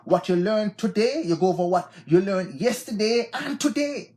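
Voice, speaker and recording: A man's voice: sits high, animated, normal speed, darkish tone. A man in his forties with a Jamaican accent who hosts an unscripted live stream and gives motivational talk in a loose, repetitive way, often saying "yeah, man". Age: 40s.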